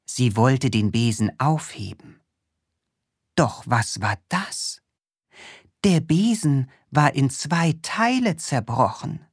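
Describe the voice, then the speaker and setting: A woman reading a children's story aloud in a slow, expressive way. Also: rumbling low, breathy edge, dry recording, clean studio sound.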